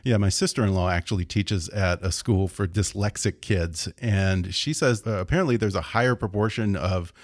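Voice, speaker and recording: A man's voice: sits low, normal speed, hardly any pauses, no room sound, clean studio sound. A man from Texas, hosting an interview in a casual, chatty way and laughing often. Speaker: talk show host.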